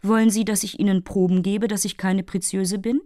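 A woman's voice: medium pitch, flat delivery, brisk, mellow, no room sound, clean studio sound, voice pushed up, natural voice. A woman voicing a haughty, moralizing female fairy who lectures and takes offense easily. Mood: indignant.

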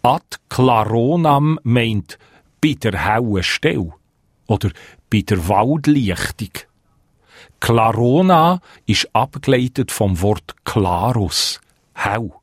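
A male radio reporter reading a scripted explainer segment in a measured, precise way. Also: mid-range voice, expressive, breathy edge, no echo, studio quality.

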